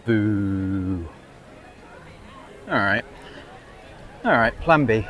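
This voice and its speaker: A man's voice: on the low side, expressive, extremely slow, fairly bright tone, some chatter behind. A man chatting casually to camera as he vlogs outdoors in a theme park, upbeat and self-mocking. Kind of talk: casual vlog chat.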